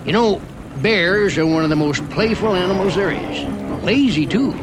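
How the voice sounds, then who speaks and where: A man's voice: high-pitched, lively intonation, normal speed, vocal fry, noisy background. A man playing a folksy, wry Old West mining train guide, drawling in a rural Western American accent as he narrates a theme park ride. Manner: drawling, folksy dialect with chuckles.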